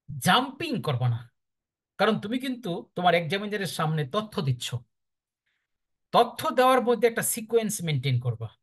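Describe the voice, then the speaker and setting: A man with a Bangladeshi accent, a teacher giving firm, emphatic advice to his students in a lecture. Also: high-pitched. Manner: firm, instructive, lively emphatic delivery.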